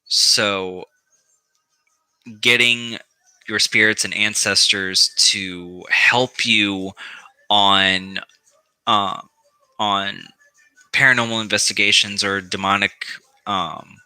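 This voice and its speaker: A man with a lowish voice and a very bright, sharp edge talks slowly in a casual how-to vlog. He rambles with frequent ums and restarts and swears freely. The sound is dry and close. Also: fairly even intonation, clean tone, no echo, low-quality recording. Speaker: occult practice vlogger.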